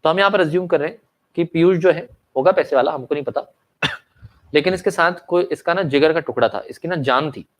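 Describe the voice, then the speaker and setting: A man's voice: a little high, brisk. A young man teaching an online lecture, mixing English into his Hindi, asking checking questions and coughing now and then. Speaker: commerce exam teacher. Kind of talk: online lecture with story examples.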